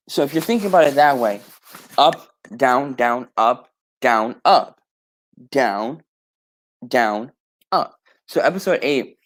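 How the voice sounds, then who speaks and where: A man streaming alone, retelling a story in a rambling casual way with many restarts and self-corrections. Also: medium pitch. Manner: casual, swears offhandedly.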